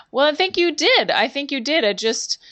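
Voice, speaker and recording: A woman's voice: sits high, no room sound. A woman host reflecting and responding to her guest, with fillers. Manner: reflective, warm agreement with fillers. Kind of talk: casual chat.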